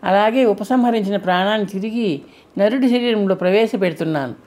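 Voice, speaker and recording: A woman voicing a calm, kindly male wind god in an audiobook, speaking in a gentle, measured, reassuring way. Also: mid-range voice, lightly acted.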